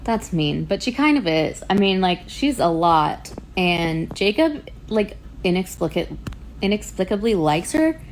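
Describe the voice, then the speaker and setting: A woman in her thirties talking casually at home about a book she is reading. She sounds exasperated and animated, says "like" constantly and swears freely. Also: fairly low pitch, unhurried, slight background noise, rough recording. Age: 30s. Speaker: book vlogger. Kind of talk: casual ranting vlog.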